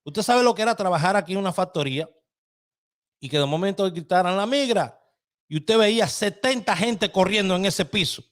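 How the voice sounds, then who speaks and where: A middle-aged Dominican man hosts a live opinion show, speaking with passion and in a colloquial way straight to his audience. His male voice is high-pitched and a bit bright, with lively intonation at a normal speed.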